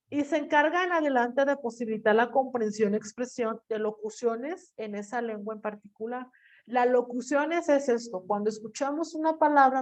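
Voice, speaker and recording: A woman's voice: a little high, a little mellow. A woman teacher giving a chatty class lecture, acting out little inner voices as she explains. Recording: lo-fi dull audio.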